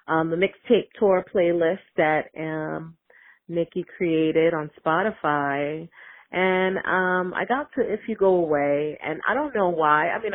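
A woman caller leaving a reflective voicemail for a podcast, pausing often with ums. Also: low-pitched. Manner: hesitant and reflective, many ums. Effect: leaving a voicemail over the phone. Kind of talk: casual voicemail message. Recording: tinny phone line.

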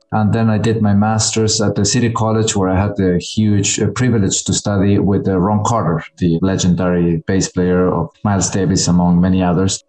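A man in his forties from Argentina, a musician guest telling his story thoughtfully, with frequent pauses and fillers. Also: on the low side, darkish tone, echoey room, low-quality recording. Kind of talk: interview conversation.

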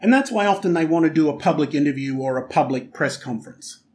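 A man co-hosting a podcast who is opinionated and emphatic in casual chat, often telling stories with quick asides. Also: fairly high pitch, animated, a little mellow. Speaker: podcast co-host.

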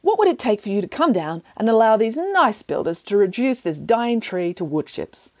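A woman voicing a grand, greedy, self-assured female pig nanny in a storybook reading, brisk and matter-of-fact. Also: on the high side, big pitch swings, darkish tone, voice pushed up.

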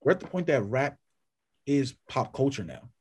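A man's voice: medium pitch, moderate pace, slightly rough. Podcast guy chatting loose, mid voice, rambles and restarts a lot. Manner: rambling, many fillers and restarts, animated when listing names. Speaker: podcast co-host. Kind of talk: casual chat.

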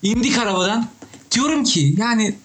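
A man's voice: high-pitched, expressive, moderate pace. A young man in casual conversation, telling playful anecdotes full of slang. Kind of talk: casual chat.

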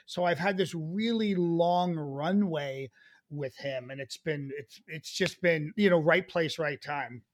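A man's voice: a little high, slow pace. A man, a comedian and impressionist, chatting animatedly as an interview guest. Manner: animated and eager, jumps into voices. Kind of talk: interview chat.

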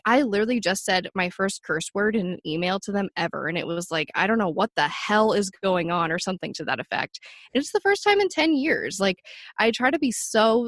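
A woman speaking as a podcast guest, polite and measured, chatty with frequent fillers. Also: lowish voice, a bit bright, no echo, clean studio sound. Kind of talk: casual chat.

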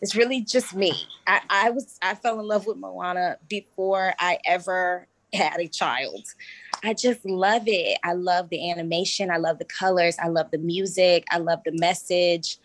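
A woman in her thirties, a cabaret singer, chatting as an interview guest in a bubbly, animated way with frequent laughs. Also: lowish voice, moderate pace, no room sound. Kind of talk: casual interview chat.

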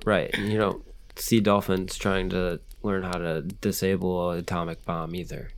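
A man's voice: low voice, little pitch movement, moderate pace, gravelly. A man co-hosting a casual podcast, reasoning aloud and speculating in a conversational way. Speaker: podcast co-host. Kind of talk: casual chat.

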